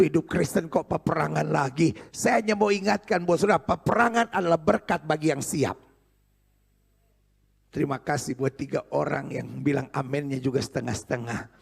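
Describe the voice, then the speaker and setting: Middle-aged pastor leading call-and-response, husky and high-pitched. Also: male voice, moderate pace. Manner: call-and-response preaching, joking with the congregation. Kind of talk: sermon.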